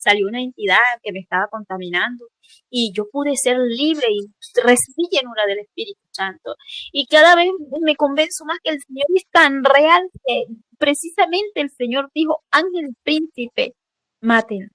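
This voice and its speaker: A woman giving a fervent, halting spoken testimony in a class, with many restarts. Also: sits high, fairly bright tone, no echo. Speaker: student sharing a testimony.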